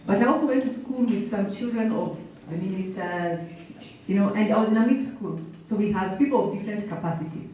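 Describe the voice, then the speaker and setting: Brisk and warm, with a mid-range voice, a woman in her thirties with a Kenyan accent energizes students at a workshop, hammering her points through repeated phrases and questions. Captured on a handheld microphone in a roomy indoor hall, she sounds distant, with music in the background and a bit of hiss or hum.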